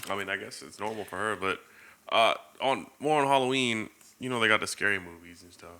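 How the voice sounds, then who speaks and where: A young man co-hosting a podcast, joking around in casual chat with quick interjections. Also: fairly low pitch, pushed and bright. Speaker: podcast co-host.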